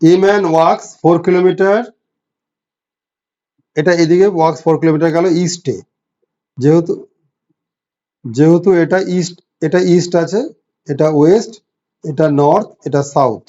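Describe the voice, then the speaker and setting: Bengali-accented male tutor, mellow, slightly high voice, lo-fi audio, patient step-by-step explainer. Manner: explains step by step, reads questions slowly in English. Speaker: teacher. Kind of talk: online exam-prep class. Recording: dull lo-fi audio.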